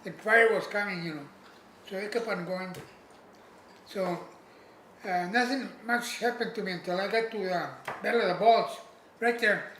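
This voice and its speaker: An elderly man, a war veteran, recalls his service in an informal interview, haltingly and plainly, repeating himself as he searches for words. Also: high-pitched, sharp tone. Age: elderly, over 80. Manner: halting, repetitive, plain-spoken recollection with searching pauses. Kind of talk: old veteran remembering, informal oral history. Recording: roomy echo, faint background noise.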